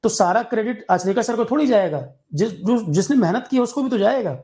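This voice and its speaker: A man's voice: sits high, animated, brisk, dark tone. A male coaching teacher giving exam aspirants a candid, blunt talk full of rhetorical questions.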